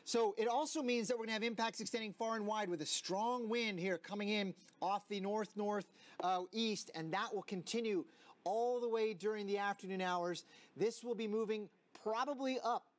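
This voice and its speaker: A man's voice: sits high, moderate pace. An American man presenting a live TV weather forecast, explaining things directly to viewers.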